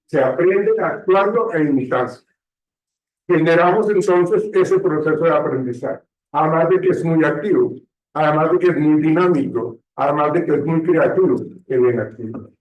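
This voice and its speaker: A man teaching a classroom lecture, often pausing to check understanding, recorded from a distance in a classroom. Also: a little high. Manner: slow, checks understanding with frequent "¿sí?". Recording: echoey room, distant mic, dull sound.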